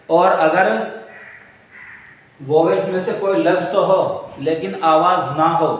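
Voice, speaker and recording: A man teaching English grammar in a classroom, explaining patiently, repeating points and posing questions to his students. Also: fairly high pitch. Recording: echoey room from far off.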